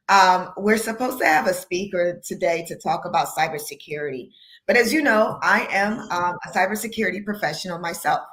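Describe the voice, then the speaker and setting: A woman's voice: fairly low pitch, a bit bright. A woman co-hosting a casual online panel discussion, talking conversationally and often ending points with "right?". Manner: conversational, frequent "right?" tags and laughs. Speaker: panel co-host.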